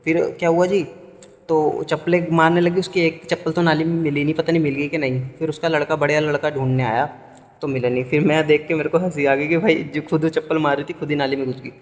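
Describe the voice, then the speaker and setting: A man's voice: fairly high pitch, fast talker. Chatty young man telling a story. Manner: chatty, animated retelling, often asks "ठीक है?". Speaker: vlogger. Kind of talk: casual storytelling vlog to camera. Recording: roomy with long reverb.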